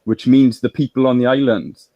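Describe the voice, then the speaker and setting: A man's voice: medium pitch, steady tone, moderate pace, dry recording, highs cut off. A man from Wales in a political discussion, explaining at length in a lecturing way.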